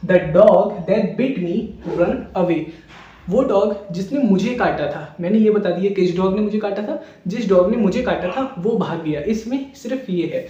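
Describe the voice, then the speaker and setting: Speaking a little slowly in a high, mellow voice, a male English teacher handles each grammar example with repeated questions and answers. The sound comes across distant, dull and echoey.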